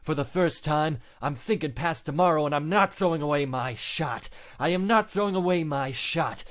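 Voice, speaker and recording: A man's voice: on the high side, normal speed, fairly bright tone, lightly acted. A man voicing a brooding, earnest anti-hero hedgehog, solemnly declaiming lyrics like a dramatic storybook reading. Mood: fervent, defiant. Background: music.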